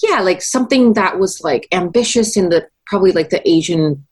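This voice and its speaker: With a lowish, slightly rough voice, a Taiwanese musician in her twenties talks in an animated, brisk way during a casual interview. She's full of fillers and frequently breaks into laughter.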